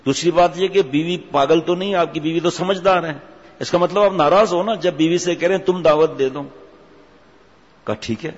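Emphatic man preaching in an echoing hall. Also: fairly high pitch. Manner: emphatic, rhetorical, scolding. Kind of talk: sermon. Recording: dull audio with long hall reverb.

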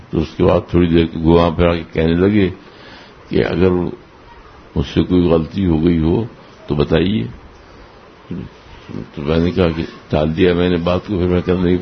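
A man with a deep, gravelly voice tells a personal story to a gathering in a slow, halting way. He restarts phrases and chuckles now and then. The recording is dull and lo-fi, with a faint hiss. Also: level tone. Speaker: storyteller recounting memories of his spiritual master.

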